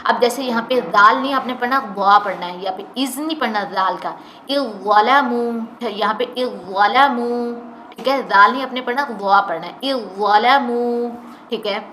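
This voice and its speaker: A woman teaching a Quran recitation lesson, explaining the rules and slowly modelling the recited words again and again. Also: fairly high pitch, bright, forceful tone. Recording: echoey room with faint noise.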